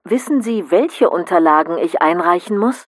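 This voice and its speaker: A woman's voice: lowish voice, expressive, normal speed, no echo, clean studio sound. A woman acting a polite caller who phrases her questions carefully in a scripted language-course phone dialogue. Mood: polite, inquiring. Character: polite woman caller asking about job recognition.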